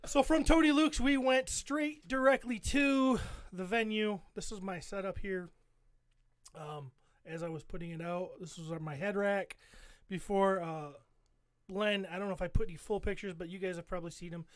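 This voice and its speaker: A man's voice: high-pitched, steady tone, moderate pace, no echo. A man co-hosting a podcast, casually telling a rambling trip story over photos and cursing a lot. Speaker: podcast co-host.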